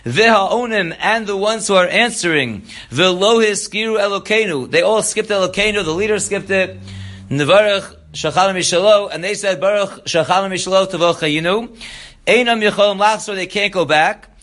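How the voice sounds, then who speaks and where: High-voiced man teaching a halacha lesson. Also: normal speed, a bit bright. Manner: reads Hebrew text then explains in English. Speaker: Torah teacher.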